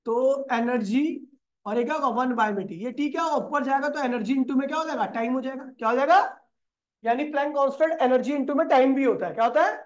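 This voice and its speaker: A man's voice: very high-pitched, highs cut off. A man teaching physics in a classroom lecture. He asks the class questions and answers them himself, calling the students brother and kid.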